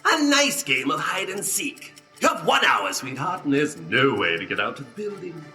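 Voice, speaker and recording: A shrill, cackling clown villain, taunting with wild swings of pitch and a bright, sharp edge. He drawls slowly and mockingly, savoring every cruel word, over faint music. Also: very animated, exaggerated voice. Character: gleeful sadistic male clown villain. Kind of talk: audio drama acting.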